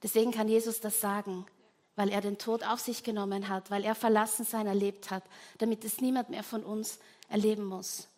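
A woman's voice: mid-range voice, flat delivery, a little fast, a little mellow. Earnest woman preaching a sermon. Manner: earnest, emphatic, addresses listeners directly.

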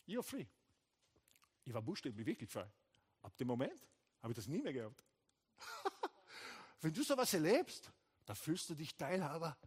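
Animated German-speaking male pastor preaching. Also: on the high side, husky. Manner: animated, mixes English phrases into German, acts out dialogue. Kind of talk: sermon. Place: church hall.

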